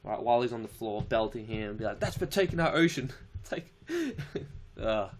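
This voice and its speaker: His voice sits fairly low but swings widely in pitch, moving at a moderate pace. A young Australian man with an Australian accent, he chats casually on a live stream, responding to viewers in a relaxed, slangy way and swearing casually.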